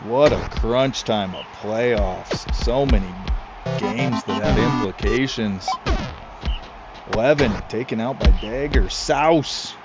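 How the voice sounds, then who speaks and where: Excitable male play-by-play commentator, slow-paced. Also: medium pitch. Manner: excitable, chatty asides to co-hosts. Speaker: league commentator. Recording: slightly muffled with clear music behind.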